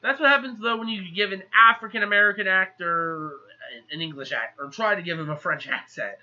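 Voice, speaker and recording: A man giving a casual, rambling movie plot recap in a chatty, animated way. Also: high voice, brisk. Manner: chatty, animated, acts out characters. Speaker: movie reviewer. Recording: slightly muffled lo-fi recording.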